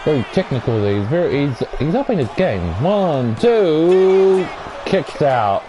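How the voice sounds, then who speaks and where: A young man hosting a gaming video, calling a wrestling match play-by-play with excitable shouts and rambling asides. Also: medium pitch, normal speed, background noise. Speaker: gaming channel host. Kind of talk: play-by-play wrestling commentary over gameplay.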